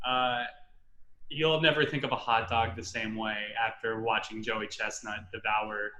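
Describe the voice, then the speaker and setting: A man's voice: fairly low pitch, level tone, measured pace, pushed and bright, roomy sound. A man as a guest on a sports podcast, joking and laughing through casual banter.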